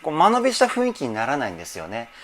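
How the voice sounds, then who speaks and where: A man's voice: medium pitch, wildly swooping pitch, very fast, slight background noise. A man working as a vocal trainer, analyzing singing in a reaction video, emotional and teary, often laughing. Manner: emotional, repeatedly laughing and moved.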